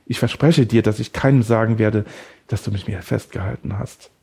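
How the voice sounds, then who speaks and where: A man's voice: lowish voice, steady tone, moderate pace, gravelly, mellow, breathy edge, full character voice. A man voicing a frightened young male captive who gasps and pleads. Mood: pleading, scared. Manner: gasping, pleading.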